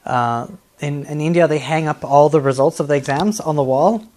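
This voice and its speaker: A man, answering interview questions in a friendly, relaxed way, often laughing and pausing with fillers. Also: fairly high pitch. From Norway. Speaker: guest, dance artist.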